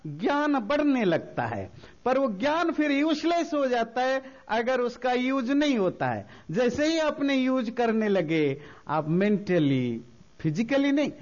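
A man giving a spiritual talk, explaining slowly with everyday examples and mixing English phrases into his speech. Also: very high-pitched, a little mellow, highs cut off. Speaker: spiritual teacher.

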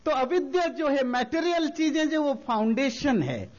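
A man giving a spiritual talk, explaining slowly with everyday examples and mixing English phrases into his speech. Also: very high-pitched, sing-song, dull audio. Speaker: spiritual teacher.

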